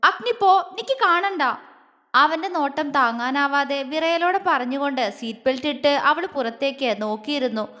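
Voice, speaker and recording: A woman storyteller reading a romantic audio story in smooth, even narration. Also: sits high, long reverb tail. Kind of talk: scripted narration.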